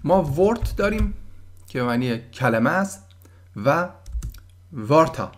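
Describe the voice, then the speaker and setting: A man giving a casual German lesson, patiently explaining words and sounding them out slowly. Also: on the high side, very animated. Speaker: German language teacher.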